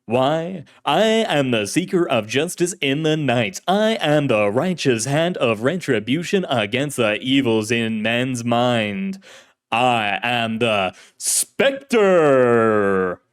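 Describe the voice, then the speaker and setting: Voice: expressive, takes it slowly. A narrator performing the Spectre, a bombastic pulp vigilante. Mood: grandiose. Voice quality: deep, booming. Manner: pompous, grandiose declamation. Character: shadowy masked male vigilante, bombastic, theatrical, righteous. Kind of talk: 1930s radio serial acting.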